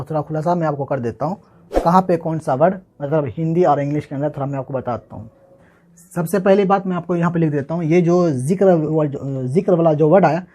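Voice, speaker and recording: Teaching casually, a man from Bihar, India, gives an Urdu handwriting lesson in a slightly raised, fairly high, a little mellow voice. He asks himself questions and answers them, and spells words out letter by letter, slowly repeating them again and again.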